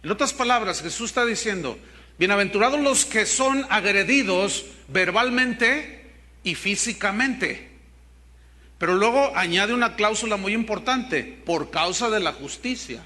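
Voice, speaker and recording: In a high, sharp-toned voice that's expressive and a little slow, an older man from Mexico preaches to his congregation. His accent is Mexican Spanish, and his sermon is full of humorous storytelling and jokes with the listeners.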